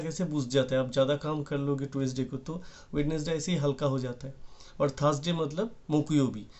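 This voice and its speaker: Man, casual lesson, repetitive explanations, average pitch. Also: darkish tone, lo-fi sound. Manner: explanatory, repeats "ठीक है" often, mixes in English words. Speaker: Japanese language teacher. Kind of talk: casual spoken lesson, explaining while writing.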